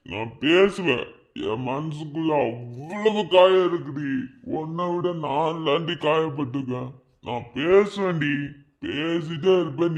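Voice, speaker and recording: A man's voice: on the high side, dull audio. A man voicing a heartbroken young man in a cartoon, pleading insistently with his ex-lover in a Madurai Tamil accent. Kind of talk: cartoon voice acting.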